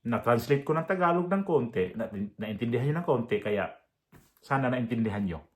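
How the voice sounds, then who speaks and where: Visayan-accented vlogger, blunt and proud. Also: male voice, medium pitch, animated, fairly quick. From Visayas, Philippines. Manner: proud, blunt, with many fillers and restarts. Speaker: reaction vlogger. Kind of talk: casual commentary.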